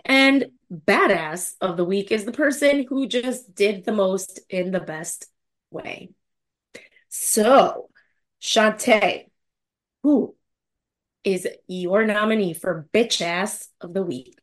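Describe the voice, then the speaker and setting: A woman co-hosting a casual podcast, unhurried in her delivery. She laughs a lot and swears with emphatic, playful outrage at the people she nominates. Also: mid-range voice. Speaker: podcast co-host. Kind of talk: casual panel podcast chat.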